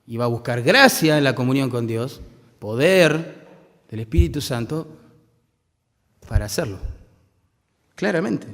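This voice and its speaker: A man's voice: medium pitch, lively intonation, measured pace, pauses often, a bit bright, long reverb tail. A man with a Rioplatense Argentine accent preaching a sermon as pastor, speaking conversationally and asking the congregation rhetorical questions. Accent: Rioplatense Spanish. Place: church hall.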